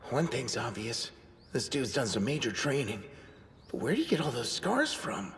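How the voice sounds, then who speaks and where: A man voicing a timid, excitable teenage boy who stammers nervously, in an anime dub. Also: medium pitch, moderate pace, slightly rough, heavily acted. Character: timid, excitable teen boy, lone sumo club member.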